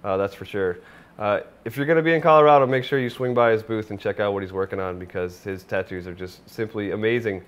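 A man in his thirties hosting an online tattoo show, talking in a relaxed, friendly way with fillers. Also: fairly low pitch, fast talker. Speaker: host. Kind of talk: casual interview host. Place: indoor studio room.

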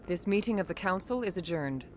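A woman's voice: lowish voice, animated, fairly quick, a little hiss or hum, close to an everyday voice. A woman playing a stately council leader. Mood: formal. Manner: formal, ceremonial. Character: female alien council leader, formal and stately. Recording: game audio under loud music.

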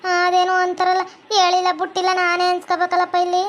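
A wronged young cartoon daughter-in-law, voiced by a woman, pleads her case in a North Karnataka accent. Her high voice rushes along on a flat line. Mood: pleading. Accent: North Karnataka Kannada. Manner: pleading, defensive. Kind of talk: cartoon comedy voice acting.

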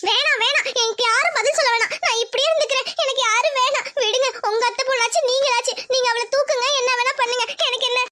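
A woman's voice: very high-pitched, fairly even intonation, fast, few pauses, very noisy. A woman voicing Tamil Selvi, a young village wife who sulks at her husband, then teases him fondly. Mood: sulky. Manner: sulky then playful, chiding.

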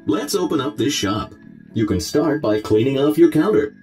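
A man's voice: medium pitch, animated, moderate pace, darkish tone, soft background music. A man voicing a polite male robot guide in a game, with a synthetic robot sound and dry, matter-of-fact instructions. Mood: instructive.

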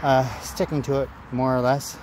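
A middle-aged man talking casually to his phone outdoors in a halting, phrase-by-phrase way, as an amateur runner making a vlog. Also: medium pitch, level tone, darkish tone. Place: outdoors among trees. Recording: noisy outdoor ambience with traffic. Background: outdoor and vehicle noise.

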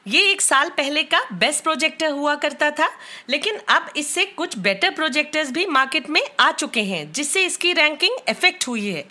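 A woman with an Indian accent talks through a product review in a high, bright voice. She explains in a clear, matter-of-fact way. Her tone stays even and steady as she narrates. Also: normal speed. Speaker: tech reviewer. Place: bedroom at home.

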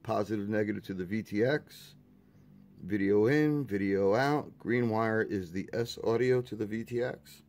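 A man talking casually through a drone build, relaxed and plain-spoken with the odd "uh". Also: on the low side, normal speed. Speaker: drone hobby video host.

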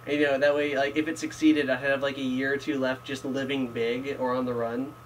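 A man's voice: mid-range voice, level tone, fairly quick. A young man chatting casually with friends while gaming, rambling through stories full of fillers. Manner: rambling, filler-heavy storytelling. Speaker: gamer friend. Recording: distant mic with clear background noise.

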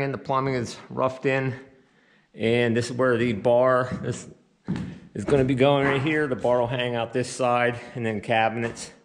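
Out at a rural building site, a middle-aged vlogger who keeps bees talks on a casual walk-and-talk, his head-mounted action camera rolling. The mid-range voice sounds fairly bright, the easygoing talk meanders with many restarts, and slight background noise comes through.

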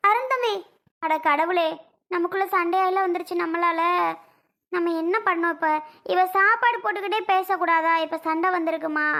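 Someone doing a fussy worried mom, talk, super high and bright, rambles on and on. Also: vocal fry, heavily acted. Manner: talkative, fretful, scolding. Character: chatty worried middle-aged mother. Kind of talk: family skit acting.

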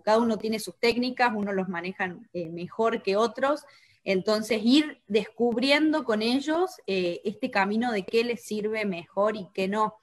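A woman with a Chilean Spanish accent calmly explaining parenting techniques on a local talk show, with frequent hesitations. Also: medium pitch. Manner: calm, explanatory, many hesitations. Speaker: co-host. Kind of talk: casual talk show conversation.

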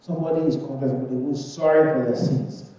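A man's voice: medium pitch, steady tone, fast. A middle-aged man preaching a sermon as pastor, voice swelling and dropping, picked up by a distant camera in a church sanctuary. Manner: preaching with swells of volume and soft drops. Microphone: far camera. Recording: echoey church room from far off, dull sound.

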